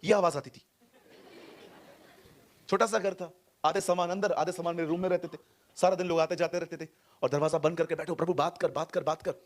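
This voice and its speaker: A male pastor preaching a sermon to a congregation in a church hall. He is animated, swings between loud and soft, and mixes English words into his speech. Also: a little high, a little fast, long pauses.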